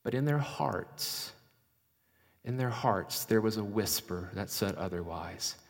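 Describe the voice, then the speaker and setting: A male pastor preaching a sermon in a church, slow and dramatic, dropping to a hush and then rising for emphasis. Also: on the low side, lively intonation, creaky. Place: church sanctuary. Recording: long reverb of a large hall.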